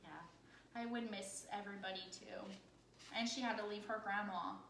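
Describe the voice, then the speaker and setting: In an echoey room with background noise, an elementary teacher with a medium-pitched, slightly bright voice reads a picture book aloud at a moderate pace. She speaks to the children in simple phrases, asking questions to draw them in.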